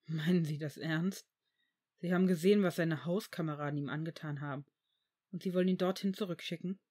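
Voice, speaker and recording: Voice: medium pitch, fairly even intonation, brisk, lightly acted. A reader voicing an angry, protective male potions master in a fan fiction audiobook, cutting and indignant. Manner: cutting, indignant, shouting at times.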